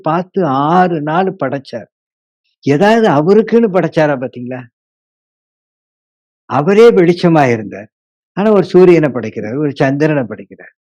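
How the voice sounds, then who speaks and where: A male pastor preaching a sermon, acting out his congregation's complaints in a lively way. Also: a little high.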